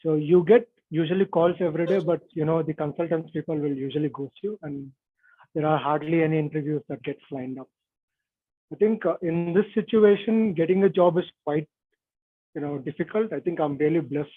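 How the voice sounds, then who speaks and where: A man's voice: fairly high pitch, fairly quick, husky, no echo. A man, heard over a bad video-call connection, talking hesitantly with many fillers as an interview guest. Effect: bad connection, narrow phone-like call audio. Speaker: interview guest, software tester. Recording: tinny, dry video-call line.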